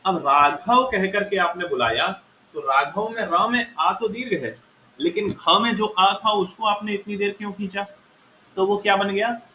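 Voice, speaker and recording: A man with a high-pitched, sharp voice teaches Sanskrit grammar, explaining it step by step and sounding vowels aloud to demonstrate their length. The room is echoey, with faint noise.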